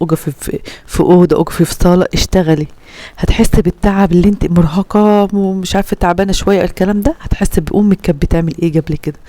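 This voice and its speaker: A deep, dark-toned female voice with no echo belongs to a woman from Upper Egypt with an Upper Egyptian Arabic accent. She's a home vlogger chatting earnestly with viewers, offering heartfelt advice full of pious phrases.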